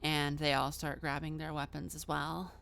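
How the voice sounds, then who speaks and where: A woman narrating as game master of a tabletop role-playing game, slow and hesitant with many fillers. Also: low-pitched, flat delivery, vocal fry, fairly bright tone, no room sound.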